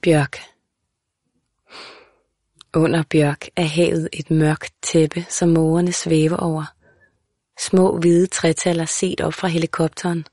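Low-voiced woman reading an audiobook. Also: no echo, studio quality. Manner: calm, measured, even reading. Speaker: audiobook narrator. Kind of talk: scripted literary narration.

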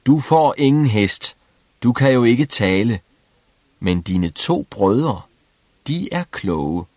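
A man playing a gruff peasant father in a read-aloud fairy tale, firm and dismissive, speaking a little louder and higher than the narrator. The reading is dry and close, with an animated, shifting lilt. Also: no room sound, natural voice. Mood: stern. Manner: stern, dismissive.

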